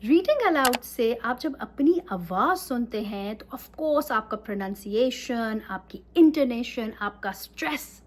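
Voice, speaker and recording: Woman, English teacher, higher voice, mixes Urdu and English, friendly checking-in manner. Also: expressive, measured pace, hardly any pauses, slight background noise. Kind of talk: casual instructional talk.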